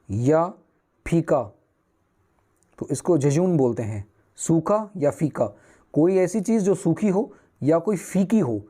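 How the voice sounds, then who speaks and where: Man teaching vocabulary, dark voice. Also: fairly high pitch, husky. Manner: explains at a whiteboard, asks and answers his own questions. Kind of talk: newspaper vocabulary lesson.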